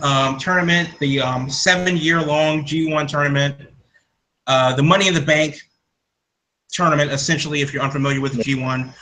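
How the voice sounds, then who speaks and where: A man with a somewhat high, sharp-toned voice hosts a casual podcast, rambling through wrestling news with lots of fillers and restarts. The audio quality is poor.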